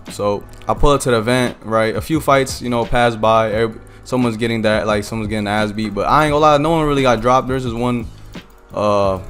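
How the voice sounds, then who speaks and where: A man's voice: fairly low pitch, a bit bright. An eighteen-year-old man streaming a game and telling a loose, slangy story full of "you feel me" asides. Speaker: streamer and content creator. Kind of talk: casual storytelling while gaming.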